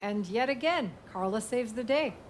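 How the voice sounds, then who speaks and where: A woman playing a calm, caring female medic in a mystery video game, composed and reassuring. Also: a little high, normal speed, natural voice.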